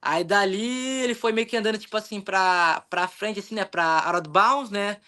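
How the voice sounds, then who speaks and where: A young man with a Brazilian Portuguese accent, telling his story in an animated, rambling way in a casual interview, acting out his own thoughts. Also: high-pitched, normal speed. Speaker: jiu-jitsu athlete, interview guest.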